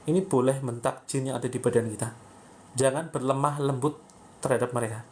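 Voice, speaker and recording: A man coaching viewers through a live-streamed faith healing session, guiding them step by step and praying, with sudden loud commands. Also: mid-range voice, steady tone, a little fast, a little hiss or hum.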